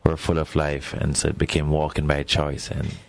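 A middle-aged man from Jamaica with a Jamaican accent, a guest scholar telling reflective, unhurried stories in a radio interview. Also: rumbling low, completely flat delivery, vocal fry.

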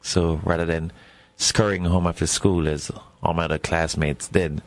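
A middle-aged man from Jamaica with a Jamaican accent, a guest scholar telling reflective, unhurried stories in a radio interview. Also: deep voice, little pitch movement, no echo.

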